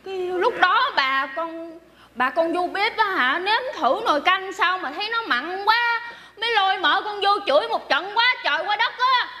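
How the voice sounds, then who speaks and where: A woman's voice: very high voice, expressive, normal speed, sharp tone, full character voice. A woman playing a young, chatty servant who is testifying loyally for her mistress, rambling and hesitating with many fillers. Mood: earnest, gossipy. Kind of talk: stage comedy skit.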